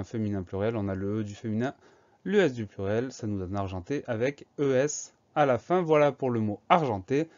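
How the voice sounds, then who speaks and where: A man teaching spelling who speaks in a low, mellow voice. He goes through each word slowly and methodically, letter by letter. The recording sounds slightly dull and lo-fi. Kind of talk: dictation spelling lesson.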